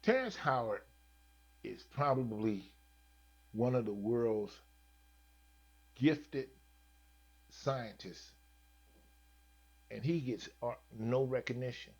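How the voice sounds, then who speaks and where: Folksy co-host, man, husky voice, muffled low-fidelity audio. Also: takes it slowly, pauses often. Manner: folksy, animated, joking. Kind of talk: casual chat. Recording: dull lo-fi sound.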